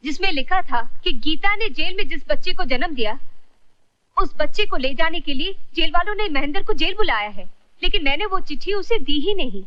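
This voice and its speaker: A woman's voice: sits high, animated, moderate pace, bright, forceful tone. An actress playing a scheming woman who hid a letter, conspiratorial in tone, on a dull film soundtrack.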